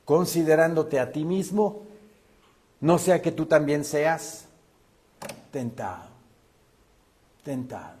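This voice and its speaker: Male pastor, sermon delivery, measured and unhurried, a touch high-pitched. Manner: animated preaching, acting out quoted voices.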